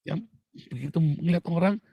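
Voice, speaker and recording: A man preaching a sermon in a chatty, lively way, laughing often and calling listeners "saudara". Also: on the high side, moderate pace, vocal fry, slightly rough, no echo, dull audio.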